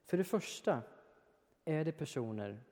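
A man's voice: a little high, expressive, mellow, big-room sound. A man preaching a sermon, earnest and exhorting, building his points through repeated phrases.

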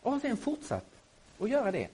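A middle-aged man teaching a Bible lesson to a live audience, emphatic and at times rising to loud indignation. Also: very high-pitched, wildly swooping pitch, breathy edge.

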